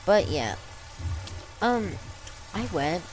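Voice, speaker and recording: A young female vlogger with a low voice and a slow pace. She talks casually and without a script, rambling through slang and stumbling over words. Her R sounds come out as W, a clear speech impediment. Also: very animated, rough recording. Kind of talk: casual unscripted life-story chat over gameplay.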